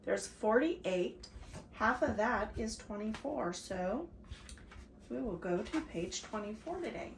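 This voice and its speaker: Animated older woman telling kids a story. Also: fairly high pitch, takes it slowly, vocal fry. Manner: animated, asides to young listeners. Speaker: storyteller for her grandchildren. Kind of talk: read-aloud story time. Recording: roomy echo, faint background hiss.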